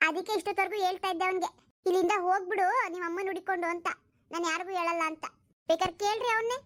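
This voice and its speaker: A woman's voice: very high voice, steady tone, racing, fairly bright tone. A woman voicing a young village stepmother who insists she means no harm. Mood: defensive. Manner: defensive, pleading her innocence. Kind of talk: cartoon voice acting.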